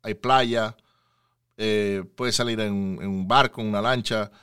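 A man hosting a Spanish-language podcast interview, casual and halting, with lots of fillers and repeated words. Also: on the low side, fairly even intonation, fairly bright tone, smooth, no echo, studio quality. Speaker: podcast host. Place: lives near Houston, Texas.

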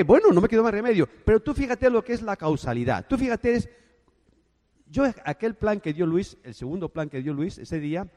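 A man telling a business anecdote, animated and acting out the dialogue with sound effects. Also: sits high, big-room sound. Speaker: speaker telling his business story. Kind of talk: anecdotal motivational talk.

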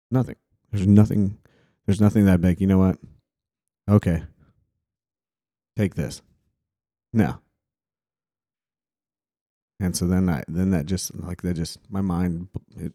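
A man's voice: low voice, mellow, dry recording, clean studio sound. A man, hosting a casual Bible study talk in an earnest, reflective way and acting out quotes. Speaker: podcast host.

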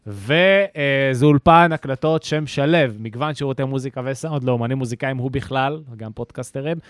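A man's voice: medium pitch, no room sound. A man co-hosting a podcast in a recording studio, telling a story with lots of fillers and slang. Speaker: podcast co-host. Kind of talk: casual chat.

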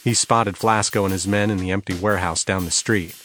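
A man's voice: low-pitched, steady tone, fairly quick, a bit bright, faint music behind. A man voicing a cowardly, nervous policeman who pleads and hesitates. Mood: pleading. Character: cowardly nervous male cop.

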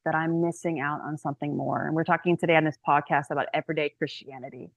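Woman, 30s, low voice, dry close recording; chatty podcast testimony full of "like" and "um". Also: fast talker, creaky, no room sound, muffled recording, faint music behind. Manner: chatty and animated, with many "like"s and "um"s. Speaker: guest speaker.

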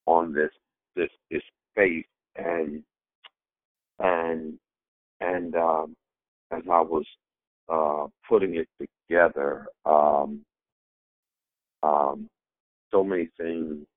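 Hoarse guy preacher w a super low flat voice, stuffed up with a cold, stumbling along on a phone call. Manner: halting, searching for words. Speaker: pastor giving the declaration. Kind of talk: informal sermon on a prayer call. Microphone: telephone. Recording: tinny phone conference line, roomy echo.

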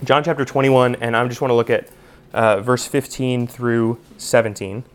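A man's voice: mid-range voice, steady tone, moderate pace, clear, resonant tone. A man teaching a Bible study class in a conversational way, with lots of "you know" and "uh". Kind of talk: unscripted teaching talk.

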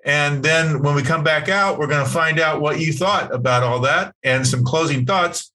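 A man's voice: on the high side, moderate pace, sharp tone, low-quality recording. A man hosting a faith video meeting, encouraging and affirming, with fillers and restarts, on a video call. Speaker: host.

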